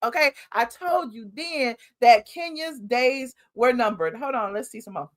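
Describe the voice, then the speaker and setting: A woman with a fairly high voice hosts a gossip review in a casual, chatty style. She is smug and sarcastic, driving points home with emphatic repetition. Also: expressive, unhurried, fairly bright tone. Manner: smug, sarcastic, emphatic, repeats phrases for effect. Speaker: YouTube host reviewing reality TV.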